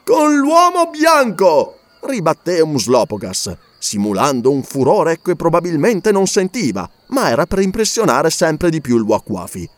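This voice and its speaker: A man narrating an adventure audiobook with a dramatic, expressive reading. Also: a little high, normal speed, hardly any pauses, no room sound. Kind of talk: scripted narration.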